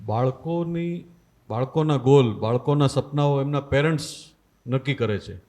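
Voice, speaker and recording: A man with a dark, mellow voice, moderating a question session. He speaks in a plain, measured way as he passes on audience questions. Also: medium pitch.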